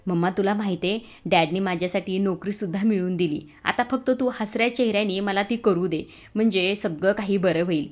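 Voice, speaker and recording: A woman's voice: mid-range voice, fairly quick, a little mellow, lightly acted. A woman voicing an eager, apologetic young adult daughter in a serial recap.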